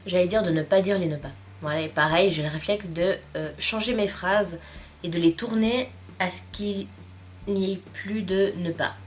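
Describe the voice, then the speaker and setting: A woman's voice: lowish voice, moderate pace. A young woman, talking casually to camera in a vlog and filling her speech with "euh" and "bah". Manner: chatty, many fillers like "euh" and "bah". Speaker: vlogger.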